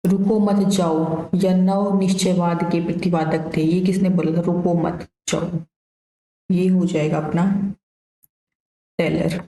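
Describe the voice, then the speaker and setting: A woman's voice: fairly low pitch, flat delivery, takes it slowly, warm tone, reverberant, low-quality recording. A woman teacher going through exam questions one by one, explaining the answers casually and giving memory tricks. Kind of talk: exam revision lesson.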